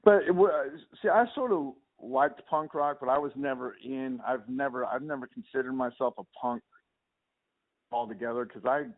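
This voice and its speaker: A man's voice: medium pitch, normal speed. A man, a musician guest, chatting casually and rambling in an interview, often laughing at himself. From Northern California. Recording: tinny phone-like sound.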